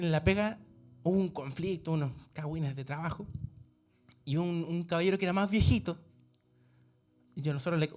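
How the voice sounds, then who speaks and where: A man with a Chilean accent preaching an earnest, conversational sermon in a church, often acting out the voices of the people he quotes. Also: high-pitched. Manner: earnest, acts out quoted voices, restarts words.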